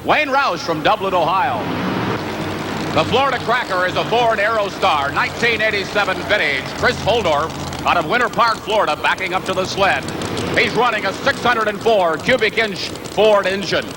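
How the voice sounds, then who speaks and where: A man announcing a tractor pull, calling runs with excited, emphatic build-up and interviewing drivers. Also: sits high, moderate pace. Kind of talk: live motorsport commentary and interviews. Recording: engine and outdoor arena noise.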